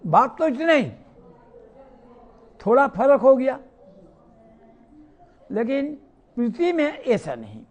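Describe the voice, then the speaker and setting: A man's voice: extremely high pitch, very animated, takes it slowly, long pauses. A man giving a devotional discourse, telling scripture stories and asking questions he then answers himself. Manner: poses rhetorical questions and answers them himself. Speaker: spiritual teacher giving a discourse.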